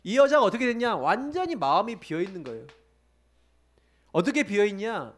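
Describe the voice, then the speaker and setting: A man's voice: sits high, sing-song, a little fast. A man preaching a sermon as pastor, asking the congregation rhetorical questions. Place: church sanctuary.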